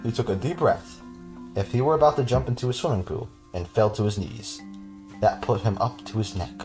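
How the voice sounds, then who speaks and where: A man's voice: on the low side, a little fast, faint music behind. A man hosting a podcast, reading a horror story aloud with casual, chuckling asides to his cohost.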